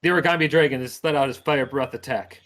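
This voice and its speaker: A man runs a tabletop fantasy game as its game master. His mid-range voice tells the scene informally and haltingly, in casual words. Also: medium pitch, fairly bright tone, a little hiss or hum.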